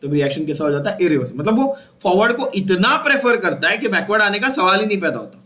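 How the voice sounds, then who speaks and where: High-voiced man teaching chemistry. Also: big pitch swings, quick pace, sharp tone. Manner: asks the students questions and repeats key terms, switching between Hindi and English. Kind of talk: classroom lecture.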